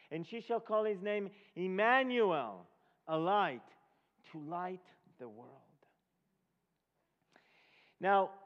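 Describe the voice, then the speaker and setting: A man from Israel with a fairly high pitch gives a sermon as guest preacher leading a Passover presentation. His halting ceremonial teaching includes questions to check the congregation's understanding, delivered in a large, echoing room to an audience and recorded with dull lo-fi quality.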